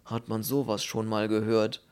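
A man's voice: lowish voice, level tone, normal speed, darkish tone, clear, resonant tone, natural voice. A man voicing a small, bald prisoner who complains and whines in a raised, indignant voice. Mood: aggrieved.

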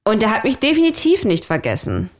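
A woman in her thirties tells dating stories in a relaxed, chatty way. She is animated, laughs often and drops in English phrases as she goes. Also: on the high side, brisk. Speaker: podcast co-host telling dating stories. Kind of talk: casual chat.

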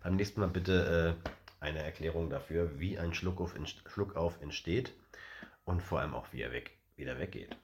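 Casting: deep-voiced father co-hosting a home podcast, chatty, stumbling, lots of "uh". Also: moderate pace, slight background noise. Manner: rambling, hesitant, many fillers. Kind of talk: casual family podcast chat.

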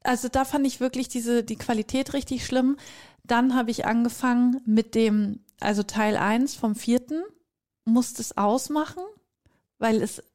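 A woman's voice: fairly high pitch, fairly even intonation, measured pace, a little mellow. A woman in her thirties co-hosting a podcast, rambling and exasperated in casual chat, laughing often. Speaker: podcast co-host.

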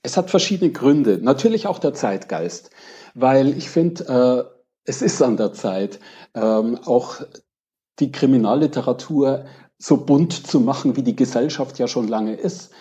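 A man with a mellow, medium-pitched voice gives casual, reflective interview answers. He pauses to find his words, and the recording is a little dull and lo-fi. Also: animated. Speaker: podcast guest, crime novelist. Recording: dull, lo-fi connection.

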